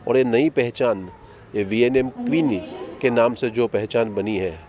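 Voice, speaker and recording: A man's voice: medium pitch, measured pace. A man with an Indian accent giving a formal congratulatory speech as a guest, repeating his phrases. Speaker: guest politician. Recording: outdoor event with crowd noise. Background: crowd at an outdoor event.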